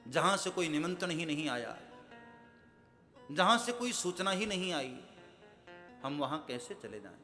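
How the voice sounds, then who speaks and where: A patient, composed male god who gently reproves in a soft, measured voice, as a male storyteller puts him on. The tone is bright, and light music plays faintly behind. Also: a little high, sing-song, exaggerated voice. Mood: calm.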